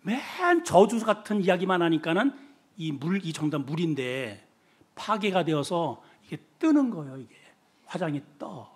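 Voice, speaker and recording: A middle-aged male senior pastor preaching a sermon, animated and expressive, acting out quotes before easing into a soft, prayerful close. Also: on the high side, moderate pace, breathy edge.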